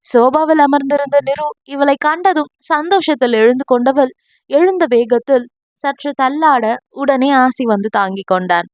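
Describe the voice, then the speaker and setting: A woman narrating a romance audio novel in smooth storytelling style. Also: sits high, moderate pace, no echo, clean studio sound. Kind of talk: scripted narration.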